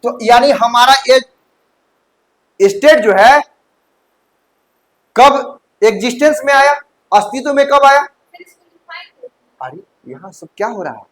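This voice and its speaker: High-voiced male coaching teacher. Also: fairly bright tone, poor audio. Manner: checks understanding often, mixes English terms into Hindi. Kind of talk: classroom lecture. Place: classroom.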